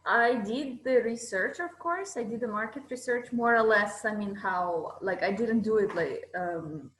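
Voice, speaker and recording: A woman's voice: a little high, measured pace, fairly bright tone, roomy sound, low-quality recording. Female interview guest from Kyrgyzstan, plain candid delivery over a video call. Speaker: guest, shop owner.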